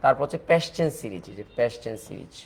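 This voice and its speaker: A man's voice: medium pitch, lively intonation, creaky, a little hiss or hum. A man with a Bangladeshi accent teaching a chemistry lecture, repeating key points and mixing in English phrases. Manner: fast, repetitive teaching talk with English mixed in.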